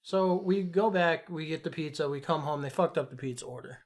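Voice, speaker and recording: A man in his thirties co-hosting a podcast, telling a profane story in a loose, animated way. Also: a little high, a little fast. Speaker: podcast co-host. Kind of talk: casual chat.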